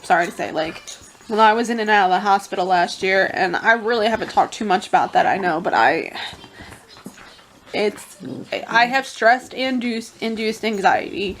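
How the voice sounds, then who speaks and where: A young woman with a mid-range, fairly bright voice talks at normal speed over slight background noise. In a casual confessional vlog, she tearfully recounts a stressful day at work, rambling and starting over as her emotions rise.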